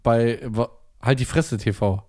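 A man co-hosting a casual podcast, teasing his partner in a relaxed way. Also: mid-range voice, a little slow. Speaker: podcast co-host. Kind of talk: casual banter.

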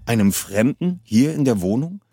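A man reading an audiobook with an expressive, dramatic delivery. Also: mid-range voice, normal speed, gravelly, soft background music. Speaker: audiobook reader.

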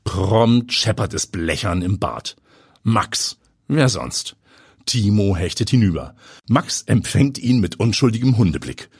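A man narrating a crime story aloud in a lively storytelling manner. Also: on the low side, husky, no room sound, studio quality. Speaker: audiobook narrator. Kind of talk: scripted narration.

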